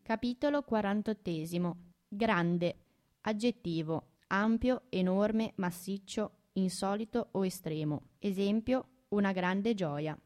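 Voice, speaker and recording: A woman reading out a heading and a dictionary entry, slow and deliberate. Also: medium pitch, a little mellow. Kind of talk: scripted reading.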